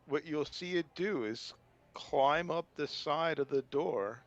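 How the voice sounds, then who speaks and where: A man talks casually during a tabletop game. His voice sits a little high and the recording is slightly dull. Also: slow pace.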